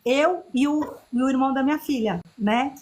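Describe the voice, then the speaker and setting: A woman, a podcast guest telling her personal story in an earnest, unhurried way. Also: high voice, a little mellow. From Chile. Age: 50s.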